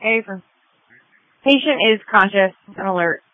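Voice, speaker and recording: A woman's voice: medium pitch, unhurried, dry recording. A woman working as an emergency dispatcher over a two-way radio, terse and clipped in radio procedure. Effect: two-way radio transmission. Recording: tinny, dry radio channel.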